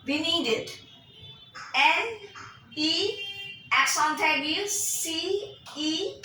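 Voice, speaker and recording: Female French tutor, slow and deliberate, spells words out; recorded from afar in a very echoey room with faint hum. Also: sits high, sharp tone. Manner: spells words letter by letter, repeats slowly. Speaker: French teacher. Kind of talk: slow spelled-out language lesson. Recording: echoey room, heard from a distance.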